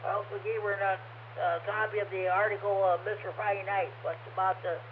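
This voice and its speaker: A man's voice: high-pitched, little pitch movement, brisk. A man hosting a ham radio net as net control, heard through a radio transmission with static, talking in a friendly, rambling way with many fillers. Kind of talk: casual on-air radio chat. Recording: phone-like band, faint static noise over radio.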